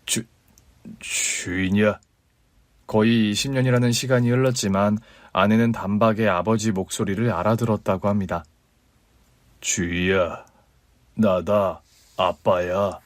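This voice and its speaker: Male reader as a low, grumbling callous dad, muttering and brusque. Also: fairly even intonation, measured pace, long pauses, no echo, natural voice. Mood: hesitant. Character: middle-aged father, callous and brusque. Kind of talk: radio story reading.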